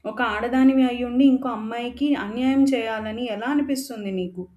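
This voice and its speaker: A woman's voice: on the high side, fairly quick, a little mellow, muffled recording, natural voice. A woman voicing an indignant older man who lectures reproachfully.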